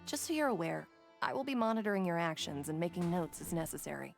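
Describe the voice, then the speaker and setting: Cold formal officer, low, gravelly, clipped. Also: female voice, very animated, fast talker, faint music behind. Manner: curt, clipped. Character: stern female guard officer, cold and formal. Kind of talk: game voice acting.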